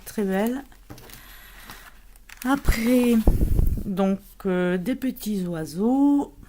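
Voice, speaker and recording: A woman talks through a scrapbooking haul in a relaxed, unhurried way. She hesitates often, trailing off and restarting her sentences. A faint hiss sits under her voice. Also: mid-range voice. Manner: chatty, hesitant, many fillers and restarts. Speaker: scrapbooking vlogger. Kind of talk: casual haul unboxing.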